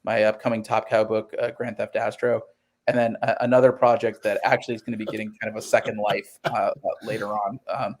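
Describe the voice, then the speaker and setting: A comic book writer in his thirties, appearing as an interview guest, speaks a little fast in a lowish, level voice. He earnestly explains his creative work in a conversational, storytelling way, acting out quotes as he goes.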